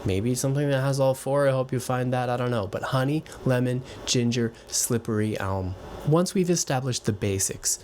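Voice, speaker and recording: Speaking straight to camera, a male voice and piano teacher offers his viewers gentle, reassuring encouragement. His pitch sits right in the middle of the male range, and he talks at a moderate pace with few pauses, occasionally restarting a phrase. A faint hiss runs beneath the recording.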